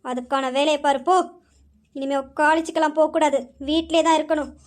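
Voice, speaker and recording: A woman's voice: sits high, fairly even intonation, brisk, close to an everyday voice. A woman voicing a domineering old grandmother who hands out commands and looks down on her servant. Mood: imperious. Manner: commanding, dismissive orders. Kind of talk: Tamil audio drama.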